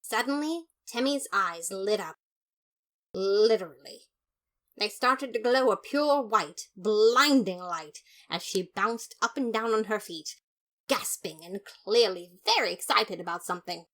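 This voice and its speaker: A woman plays a pompous, fastidious skeleton detective, narrating in first person with theatrical, haughty disapproval. Her medium-pitched voice is animated and fairly bright, and she sounds exasperated.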